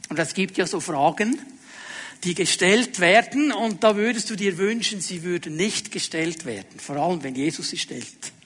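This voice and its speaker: A male pastor preaching a sermon, asking the congregation rhetorical questions and dropping to quiet tones for emphasis. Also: high voice.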